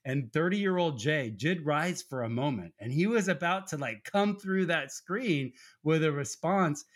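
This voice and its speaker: A man's voice: animated, a little slow. A man in his forties telling a personal story in an earnest, conversational way, talking about his faith. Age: 40s. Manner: earnest storytelling, acts out quotes with raised pitch. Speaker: podcast co-host. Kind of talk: faith-based conversational talk.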